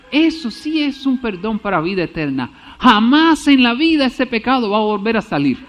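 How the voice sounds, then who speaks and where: A male pastor with a high voice delivers a sermon to his church. He keeps checking that his listeners follow him and punctuates points with amen. The recording sounds somewhat dull and lo-fi. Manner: preaches with rhetorical checks and repeated amens.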